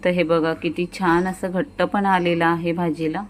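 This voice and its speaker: A woman's voice: lowish voice, level tone, normal speed, slight background noise. A middle-aged woman, narrating a home cooking demonstration in a homely, chatty way that talks straight to viewers. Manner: homely, chatty, addresses viewers directly with frequent "ना". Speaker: home cooking channel host. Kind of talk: casual cooking demonstration voice-over.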